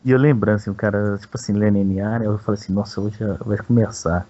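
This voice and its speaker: A man's voice: fairly low pitch, steady tone, fast talker, mellow, lo-fi sound, slight background noise. A Brazilian man telling a personal story in a rambling, crude way, with a lot of slang. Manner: rambling and crude, peppers speech with "velho". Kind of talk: casual storytelling.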